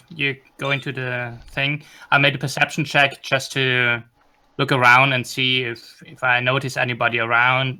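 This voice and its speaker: A man's voice: medium pitch, sharp tone, clear, resonant tone. A man playing a tabletop game, eagerly declaring his character's actions. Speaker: player.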